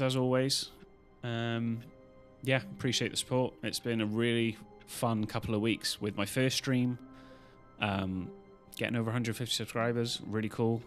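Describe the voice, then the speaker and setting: A British man chatting casually as a live streamer, in a loose, rambling way with some casual swearing. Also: mid-range voice. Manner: rambling, loosely strung-together talk.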